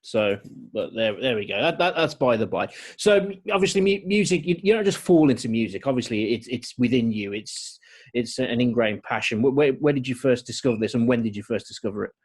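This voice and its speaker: Radio host, late thirties, friendly casual delivery that trips over repeated words; average male pitch. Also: expressive, fairly quick, husky. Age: 30s. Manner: stumbling, repeats words often.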